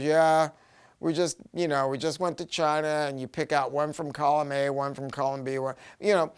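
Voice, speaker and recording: Here the same kind of speaker, a middle-aged American man, sounds clear and resonant, his voice sitting on the high side. He rambles through an upbeat, informal product review full of emphatic, everyday phrasing.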